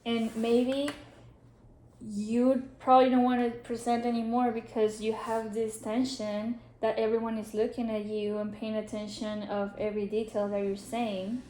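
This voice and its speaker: With frequent pauses and ums, a native Spanish-speaking woman plays a counselor asking gentle questions in a role-played therapy session. Her voice is a little high and her delivery flat, and the recording echoes roomily.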